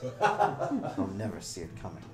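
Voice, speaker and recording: A man's voice: fairly low pitch, wildly swooping pitch, unhurried, reverberant. A man acting as game master, narrating a tabletop game and joking between character voices.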